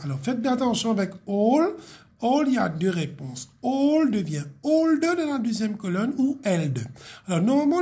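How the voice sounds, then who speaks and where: A woman with a medium-pitched, dark voice teaches young pupils a grammar lesson. As a primary school English teacher explaining the class material, she patiently repeats each word and checks in with "ok?".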